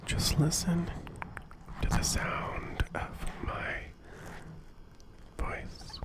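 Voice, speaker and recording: An adult ASMR creator whispering softly and affectionately to viewers, repeating words over and over. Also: very slow. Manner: soft and affectionate. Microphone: close microphone.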